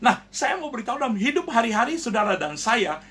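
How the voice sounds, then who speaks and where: A man preaches in a very high, bright, forceful voice, extremely animated and quick. His sermon, streamed as an online prayer broadcast, is earnest and direct, often addressing the congregation as "saudara" (brothers and sisters). He voices the people in his stories.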